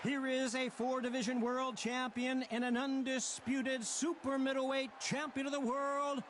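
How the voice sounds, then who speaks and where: Guy doing ring announcer intros, real high voice, stretches every word out, crowd noise loud behind. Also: little pitch movement. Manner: booming, drawn-out announcing.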